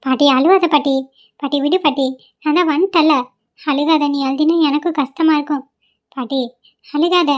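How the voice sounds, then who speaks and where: A woman's voice: high-pitched, steady tone, moderate pace, long pauses, highs cut off, lightly acted. A woman voicing a young granddaughter in a cartoon, playfully teasing her grandmother.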